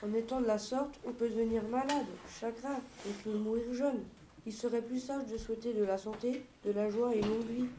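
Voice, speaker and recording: A woman's voice: on the high side, steady tone, fairly quick, dark tone, a little hiss or hum, natural voice. A woman reading aloud from a fairy tale book and voicing a poor, hot-tempered peasant husband. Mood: reasoning.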